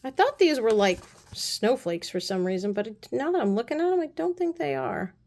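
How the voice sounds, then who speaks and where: A chatty woman talks through a nail art haul in a slightly high voice. She gushes over each item and often drops into soft, low asides. It sounds like a relaxed home video. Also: fairly quick, creaky. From United States. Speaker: beauty vlogger. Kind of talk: casual nail haul chat. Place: apartment room.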